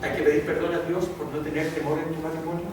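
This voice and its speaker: A man's voice: fairly high pitch, little pitch movement, fast talker. A male pastor preaching a sermon in a dramatic style, acting out the voices he quotes. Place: church sanctuary. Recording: echoey church hall, distant mic, audible noise.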